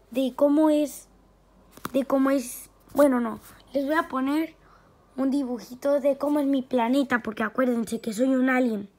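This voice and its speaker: A woman's voice: high-pitched, a little mellow. A woman chatting playfully while drawing, muttering to herself as she works. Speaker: channel host. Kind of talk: casual chat while drawing.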